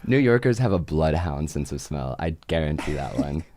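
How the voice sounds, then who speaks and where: A man's voice: rumbling low, very animated, moderate pace, warm tone, no room sound. A young man hosting a casual chat show, rambling and chatty, full of fillers and laughs. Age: young adult. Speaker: podcast host.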